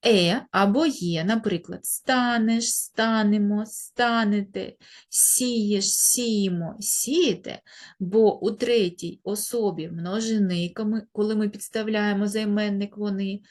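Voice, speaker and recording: A woman teacher giving a grammar lesson to young pupils, speaking slowly and stretching out each example word. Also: mid-range voice. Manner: slow, deliberate, stretching out example words. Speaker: primary school teacher.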